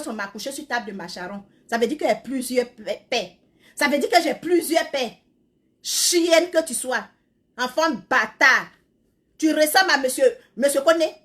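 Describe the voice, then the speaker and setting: A woman delivering a loud, scolding rant full of repeated insults. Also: high voice. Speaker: social media creator. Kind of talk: angry insult-filled rant.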